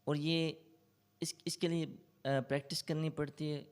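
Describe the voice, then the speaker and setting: A man speaks with a Pakistani Urdu accent in a slightly high voice that barely moves in pitch. He's a Quran tutor answering interview questions, chanting recitations slowly and melodically. When explaining tajweed he's patient and mixes in English loanwords.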